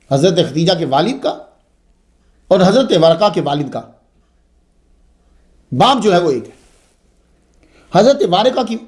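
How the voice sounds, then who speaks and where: A man giving a religious history lecture, telling it expressively with frequent asides. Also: sits high. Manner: expressive, digressive storytelling with asides.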